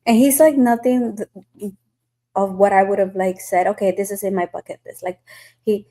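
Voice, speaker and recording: Warm and steady in tone, this woman's mid-range voice moves at a normal pace. As a podcast host, she chats casually and tells stories with plenty of filler words.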